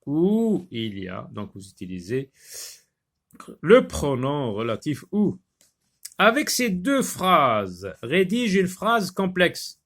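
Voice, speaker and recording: A male teacher walks through grammar exercises at an unhurried pace, stopping often to search for words. His pitch moves widely, lifting noticeably whenever he reads an example sentence aloud. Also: wildly swooping pitch, a bit bright. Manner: slow, patient, with many fillers and restarts, raises pitch reading example sentences. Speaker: primary school teacher. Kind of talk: grammar lesson explaining exercises.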